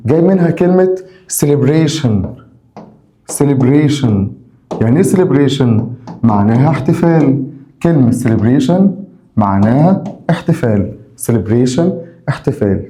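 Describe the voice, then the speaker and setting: A man with an Egyptian Arabic accent teaches English vocabulary to school pupils in a mellow, low-key voice. He repeats each word slowly, gives its meaning in Arabic and keeps asking short rhetorical questions to prompt his students. The recording carries a clear echo from the room.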